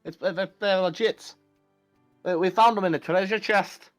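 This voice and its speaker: A man's voice: sits high, fairly even intonation, moderate pace, faint music behind, pitched above the performer's own voice, close to an everyday voice. A man voicing a cagey male dwarf gem seller in a poor put-on Scottish accent. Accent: mock Scottish, put on badly.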